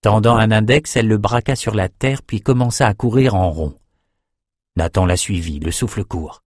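A man narrating a fantasy audiobook in a steady, measured storytelling voice. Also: lowish voice, no echo, studio quality.

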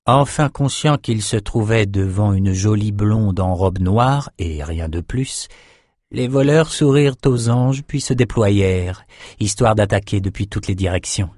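Male audiobook narrator, low voice, steady, measured, dry close sound. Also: dry recording. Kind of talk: scripted fantasy narration.

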